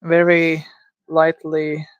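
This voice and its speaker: Streamer, mid-pitched, dry close sound, casual thinking-aloud commentary, unsure and self-mocking. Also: completely flat delivery, extremely slow, clear, resonant tone, no echo, dull audio. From Latvia. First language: Latvian. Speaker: livestreamer. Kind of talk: casual commentary while drawing live.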